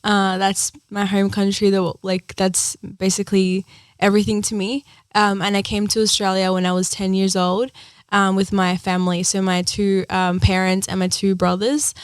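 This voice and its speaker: A young woman from Ecuador chats earnestly as an interview guest, her talk full of "like" and "um." Her voice sits at a middle pitch, and the recording is close and dry. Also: little pitch movement, normal speed, clean tone, no echo. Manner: chatty, earnest, many "like" and "um" fillers. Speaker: singer-songwriter guest. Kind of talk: casual interview chat.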